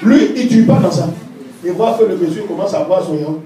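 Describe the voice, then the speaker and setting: A man preaching a sermon as pastor, animated, often acting out quoted church members. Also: high voice, a little fast. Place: church hall. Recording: very echoey hall, distant mic, faint noise.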